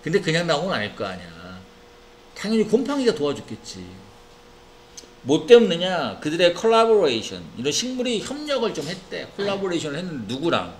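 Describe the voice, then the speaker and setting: A man's voice: a little high, a little fast, slight background noise. A man teaching an English reading lesson in a classroom, reading English words with a Korean accent and checking in with his students often. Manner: lively, keeps checking in with tag questions. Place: academy classroom.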